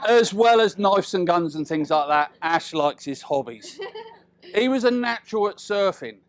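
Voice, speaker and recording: At his daughter's wedding, a middle-aged British man makes an informal, humorous speech, bantering and teasing with deliberate pauses and tag questions. He speaks in a high, expressive voice on a dry recording.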